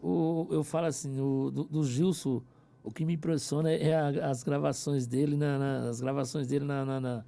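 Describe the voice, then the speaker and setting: Announcer guest from the São Paulo interior with an accent, gravelly and dark voice, talkative and hesitant. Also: male voice, mid-range voice, little pitch movement, moderate pace. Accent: Brazilian Portuguese, São Paulo interior. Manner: chatty, hesitant, repeats words. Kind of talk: casual radio chat. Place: radio studio.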